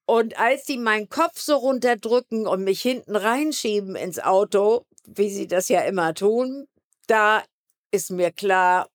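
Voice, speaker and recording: A woman's voice: mid-range voice, no room sound, studio quality. A woman as a podcast guest, telling her own story candidly and emotionally, with restarts. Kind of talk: personal storytelling.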